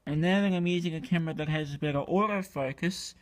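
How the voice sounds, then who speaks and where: Talking fast in a slightly high voice, an Australian vintage radio enthusiast who makes videos presents a casual, off-the-cuff show-and-tell. He hesitates and dwells on details as he thinks aloud into a phone or handheld camera microphone.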